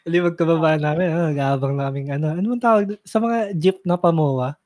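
A man's voice: a little high, fast, a little mellow, no echo. Young man, casual co-host: chatty, chimes in, laughs easily. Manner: chatty, adds details and laughs along while recalling. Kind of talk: casual chat.

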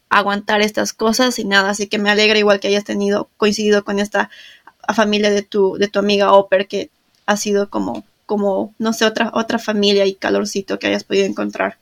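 A woman's voice: mid-range voice, creaky. Woman podcast host, earnest, candid, conversational storytelling. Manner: earnest, candid, with frequent fillers. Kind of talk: emotional personal storytelling.

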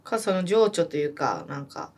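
A woman's voice: low-pitched, moderate pace. A woman with a Kansai accent, a comedian co-hosting a podcast, chatting in loose, teasing banter. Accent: Kansai Japanese. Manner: lively, rambling, teasing. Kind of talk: casual banter.

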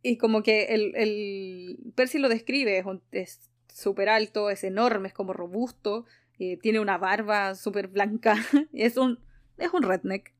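A woman's voice: medium pitch, unhurried. A woman with a Chilean accent hosting a casual podcast chat, recapping a book with lots of laughter and acted-out quotes. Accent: Chilean Spanish. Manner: lively, laughs often, acts out quoted lines. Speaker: podcast host.

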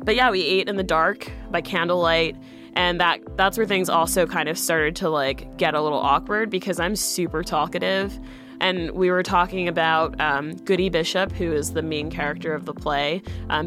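A woman's voice: fairly low pitch, fairly even intonation, normal speed, over music. A woman from the United States telling a personal story in a chatty way, full of "like". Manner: chatty, fillers of "like" throughout. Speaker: guest storyteller.

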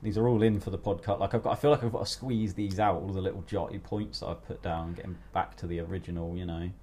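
A man hosting a podcast in casual, sweary chat, telling stories in an animated, blokey way. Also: sits low, fast, slight background noise. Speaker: podcast host.

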